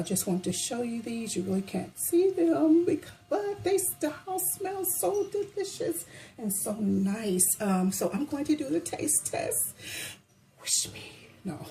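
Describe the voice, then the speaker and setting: A woman's voice: mid-range voice, gravelly, mellow, rough recording. A woman in her home kitchen, chatting casually through a baking vlog and a taste test, humming as she savors the food and talking with her mouth full. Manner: talks with mouth full while tasting. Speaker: baking vlogger. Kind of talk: casual chat.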